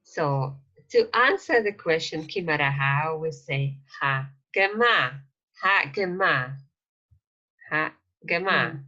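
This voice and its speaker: Low voiced lady teaching a slow beginner language lesson, bright edge, dull lo-fi sound. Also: animated. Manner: slow, repeats phrases for learners to copy. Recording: dull lo-fi recording.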